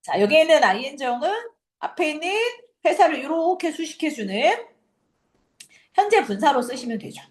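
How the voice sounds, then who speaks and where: Lively, animated woman teaching English. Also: high-pitched. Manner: animated, acts out quick asides and rhetorical questions. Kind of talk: exam prep lecture.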